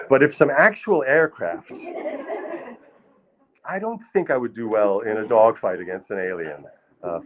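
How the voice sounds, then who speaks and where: A middle-aged man performs live comedic storytelling about acting for an audience in a small hall. His delivery rambles, pokes fun at himself, and restarts often, in a mid-range voice recorded with the highs cut off.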